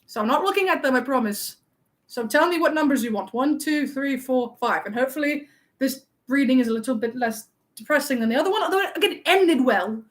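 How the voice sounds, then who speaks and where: A woman's voice: high-pitched, animated, a little fast. A woman streamer playing a vain, playful young male wizard, chatting in a teasing, mock-offended way while hosting a live-stream role-play. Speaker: livestream host.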